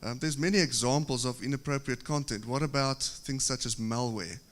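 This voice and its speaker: A South African man with a South African accent gives a technical conference presentation at a podium in a large conference hall. His medium-pitched voice delivers steady explanations with occasional filler pauses, and the hall is reverberant.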